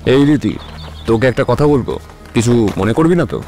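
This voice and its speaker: A young man voicing a restless, quick-tempered young husband in an audio drama, talking insistently. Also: medium pitch, expressive, over music, natural voice. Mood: tender. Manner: insistent, rising to anger.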